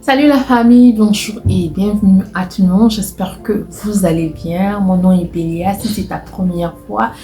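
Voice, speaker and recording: A woman's voice: mid-range voice, normal speed, hardly any pauses, roomy sound, over music. A woman from the Republic of the Congo who gives casual relationship advice, talks straight to her viewers and repeats phrases for emphasis. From Republic of the Congo (Brazzaville). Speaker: vlogger. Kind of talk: casual advice talk to camera.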